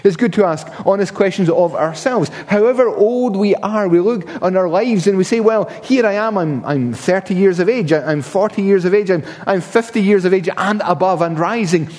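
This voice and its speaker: A man's voice: high-pitched, normal speed, hardly any pauses, darkish tone. A man preaching a sermon in an emphatic manner, often restarting his words. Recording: long reverb of a large hall.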